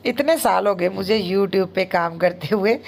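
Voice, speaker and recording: A woman in her thirties, a homemaker vlogger, chatting casually and very fast with many fillers. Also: mid-range voice, gravelly, darkish tone. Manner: talks very fast. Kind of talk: casual vlog narration.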